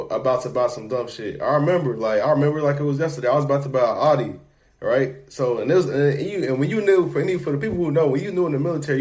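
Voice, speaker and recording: A man's voice: medium pitch, darkish tone. A young man hosting a casual podcast conversation, loose and slangy, swearing freely as he talks. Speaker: podcast host.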